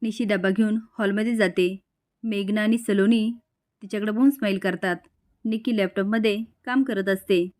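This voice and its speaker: A woman narrating a brisk recap of a TV serial episode, reading every character herself. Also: mid-range voice, steady tone, a little mellow.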